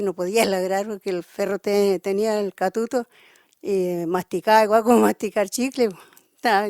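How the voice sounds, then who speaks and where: A woman with a Chilean accent telling a traditional folk tale aloud, halting and often restarting her phrases. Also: mid-range voice, darkish tone, no echo, studio quality. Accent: Chilean Spanish. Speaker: storyteller.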